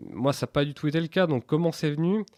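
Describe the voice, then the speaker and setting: A man in his thirties speaks in a fairly high voice with very little room sound. He answers interview questions candidly and earnestly, often hesitating and restarting on a repeated word. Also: fast, warm tone, no echo, clean studio sound. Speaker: interview guest, entrepreneur.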